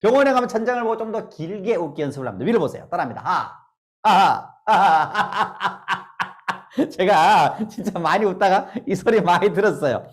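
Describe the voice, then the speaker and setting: Animated Korean woman leading laughter therapy. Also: medium pitch, fast, hardly any pauses. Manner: animated, bursts into forced laughter drills. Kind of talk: lively lecture with call-and-response. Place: lecture hall.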